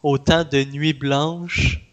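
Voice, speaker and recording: A man's voice: on the high side, level tone, extremely slow, fairly bright tone, dull audio. A man with a Québécois French accent, talking casually as an interviewee about his own work. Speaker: interviewee, independent game developer. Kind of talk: casual conversation.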